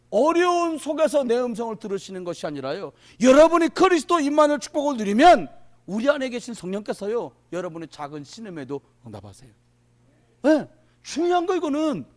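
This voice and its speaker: A male pastor preaching at a church prayer meeting in a colloquial, joking way, swinging between loud exclamations and quiet asides. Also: very high voice, very animated, a little fast.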